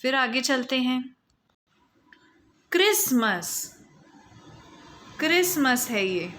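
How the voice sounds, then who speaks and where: A woman teacher slowly and patiently sounding out letters and words for young children in a lesson. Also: on the high side, lively intonation, bright, forceful tone, a little hiss or hum.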